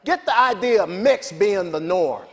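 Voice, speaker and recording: A man preaching a sermon as pastor, building passionately from measured lines to shouted calls. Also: sits high, animated, husky. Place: large church sanctuary with congregation. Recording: reverberant church hall, faint congregation.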